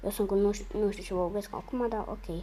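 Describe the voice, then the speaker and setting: Muttering to herself between sudden loud outbursts, a female gamer with a hoarse voice offers slangy, casual commentary on her play. Her mid-range voice keeps a steady tone.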